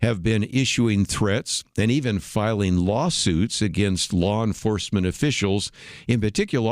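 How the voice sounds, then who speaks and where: Low-voiced male radio talk host. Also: dry recording, clean studio sound. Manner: measured, explanatory, frequent "uh" fillers. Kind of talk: unscripted radio commentary.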